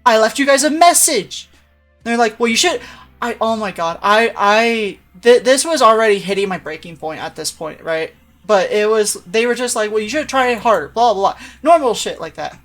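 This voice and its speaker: A woman's voice: mid-range voice, normal speed, fairly bright tone, faint music behind. A young adult woman telling a rambling story on a live stream, often tagging "right?" and restarting sentences. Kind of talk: casual storytelling chat.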